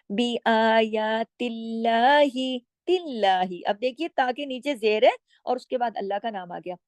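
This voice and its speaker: A woman teaching Quran recitation rules. She explains patiently, stretches each example word out slowly, and often checks in with her listeners. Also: fairly high pitch, darkish tone, no echo. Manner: draws out words slowly when demonstrating. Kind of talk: recitation lesson with slow demonstrations.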